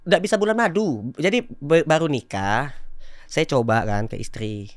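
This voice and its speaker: A man, telling his personal story candidly as a podcast guest and growing loud and emphatic at times. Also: a little high, normal speed, no echo. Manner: animated, rising to loud emphatic bursts.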